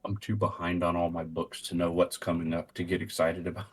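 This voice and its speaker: A man chatting casually about books in a lively, joking manner. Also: low-pitched, a little fast, slightly rough. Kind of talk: casual chat.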